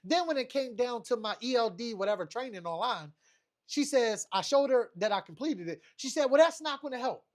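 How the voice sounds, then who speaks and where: A man livestreaming a casual storytime rant, animated and profane, repeating phrases for emphasis. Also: extremely high pitch, normal speed. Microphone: streaming setup mic.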